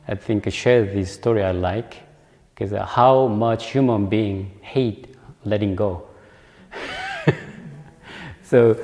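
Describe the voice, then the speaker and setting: A man's voice: medium pitch, darkish tone. A man giving a dharma talk, hesitant and searching for words, often laughing. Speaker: meditation practitioner giving a talk. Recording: long hall reverb.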